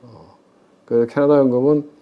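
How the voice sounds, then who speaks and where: Here a middle-aged man, once a pension fund's chief investment officer, weighs in on public finance as an expert interview guest. His medium-pitched voice stays steady at a measured pace. Though emphatic, he keeps asking and answering his own questions, and the sound is a bit muffled.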